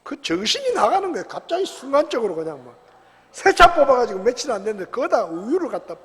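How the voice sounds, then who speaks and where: A middle-aged male pastor from South Korea preaching a sermon, full of rhetorical questions and sudden shouted bursts. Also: very high voice, big pitch swings, quick pace, husky, big-room sound. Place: church sanctuary.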